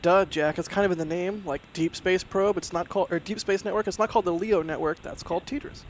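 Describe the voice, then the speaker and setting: A man's voice: high-pitched, steady tone, a little fast, a little hiss or hum. A man hosting casual live launch commentary, chatty and often interrupting himself. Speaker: livestream host.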